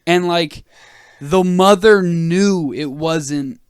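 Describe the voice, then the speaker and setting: A man's voice: fairly high pitch, very slow, smooth, dry recording, clean studio sound. A young man co-hosting a casual podcast, telling long stories with lots of fillers into a podcast mic. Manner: rambling storyteller with many fillers. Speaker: podcast co-host. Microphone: podcast microphone.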